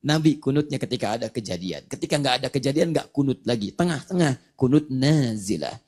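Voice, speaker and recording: Fast-talking male Islamic preacher. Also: medium pitch, expressive, darkish tone. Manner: explanatory, rhetorical questions, recites Arabic verses. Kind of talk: religious lecture.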